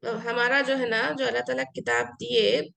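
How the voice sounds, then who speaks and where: A woman with Urdu as her first language teaches an Arabic lesson. Her voice is a little high and heavily gravelly with vocal fry. She explains patiently, repeating key words and mixing in English phrases. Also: fairly even intonation, normal speed, sharp tone. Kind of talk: online class lecture.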